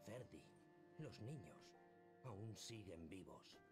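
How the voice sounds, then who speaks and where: A man voicing a loyal, solemn ally in dubbed video game dialogue, with a grave, measured delivery. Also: low-pitched, expressive, a little mellow, faint music behind.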